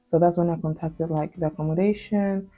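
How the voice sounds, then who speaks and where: Faint music plays behind this young woman from Spain as she tells a personal story for her vlog, hesitant and full of fillers, in her native Spanish with its accent. She speaks briskly in a lowish, steady, dark-toned voice.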